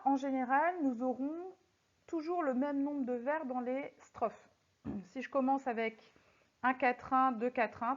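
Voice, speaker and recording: Woman teacher, slow and deliberate, muffled audio. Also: on the high side. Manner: slow, deliberate, stressing syllables one by one. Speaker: French teacher. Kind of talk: recorded lesson correcting exercises.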